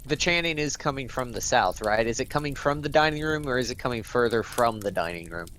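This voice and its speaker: A man's voice: medium pitch, expressive, brisk, a bit bright, a little hiss or hum. A man playing a tabletop role-playing game, making earnest declarations in character. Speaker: player.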